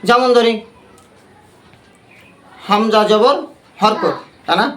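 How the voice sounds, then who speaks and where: A man's voice: high voice, takes it slowly, a bit bright, slight background noise. A man teaching a Quran recitation class, quizzing the class with repeated questions and leading call-and-response.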